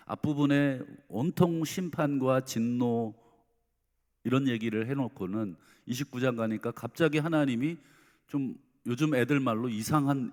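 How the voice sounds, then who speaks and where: Earnest pastor preaching in a reverberant church. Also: male voice, mid-range voice, a little mellow. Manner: earnest, speaks directly to the congregation. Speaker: senior pastor. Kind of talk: dawn prayer sermon. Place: church sanctuary.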